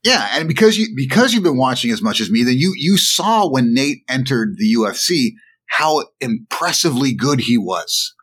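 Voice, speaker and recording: A middle-aged man lays out his take on sports in a relaxed podcast conversation. His pitch sits in an ordinary middle range but swings widely, and he leans hard on his key points. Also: moderate pace. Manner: animated, emphatic, explaining. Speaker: podcast co-host. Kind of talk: casual sports chat.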